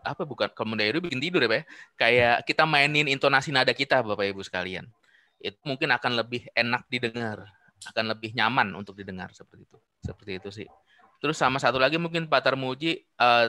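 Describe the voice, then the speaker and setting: A man with a bright, forceful voice co-presents casually on a video call. He is affable, agrees readily, and keeps addressing the audience directly. The sound is dry and close. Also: mid-range voice, no echo. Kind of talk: casual webinar talk.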